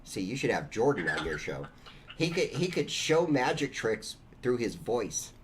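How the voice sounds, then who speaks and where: A man's voice: mid-range voice, very animated, a little slow, slight background noise. Upbeat man hosting a call-in show. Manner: upbeat, laughs often. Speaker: host. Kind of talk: casual live call-in chat.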